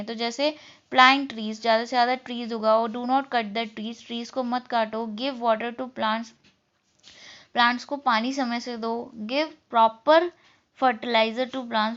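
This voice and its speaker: High-voiced woman teacher, lo-fi. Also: fairly even intonation, a bit bright. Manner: explains in Hindi, reads English lines slowly. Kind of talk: class lesson explaining a textbook unit.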